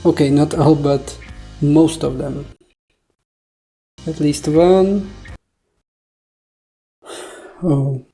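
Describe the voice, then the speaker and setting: A woman who natively speaks Czech recounts a dream for a video, sounding puzzled, jokey, and self-deprecating, with rhetorical asides. Her low voice moves very slowly with long pauses, and soft music plays faintly in the background.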